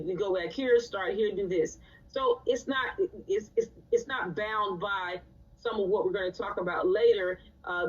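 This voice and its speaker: Husky-voiced woman teaching from afar. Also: mid-range voice, a little mellow. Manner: conversational, checks in with students often. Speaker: Quran recitation teacher. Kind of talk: live class instruction. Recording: distant, dull lo-fi sound.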